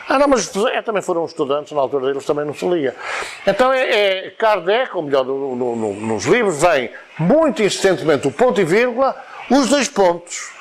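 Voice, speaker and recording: Lively-pitched man with a European Portuguese accent. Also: moderate pace, a little hiss or hum. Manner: digressive, repeats words, explains with examples. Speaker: study group speaker. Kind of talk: informal spoken lecture.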